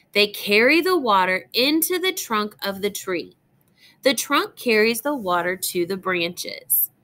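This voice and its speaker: A woman's medium-pitched voice, pushed and bright, carries a picture book reading done teacher-style. She talks straight to young children, choosing her phrasing deliberately for them.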